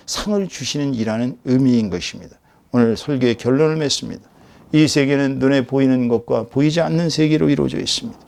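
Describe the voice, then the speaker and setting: Man, pastor, Sunday sermon, raised voice, conversational, rhetorical questions. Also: on the high side. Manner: lively, acts out everyday examples.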